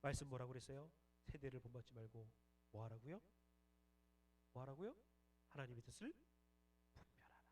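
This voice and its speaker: A young man preaches to a church youth service in an earnest tone, pushing up into fervent, louder emphasis on key lines. His voice sits at a middle pitch. The mic is some distance away in the church hall, and a faint hum runs underneath. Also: lively intonation, a little fast, long pauses. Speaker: pastor. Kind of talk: sermon.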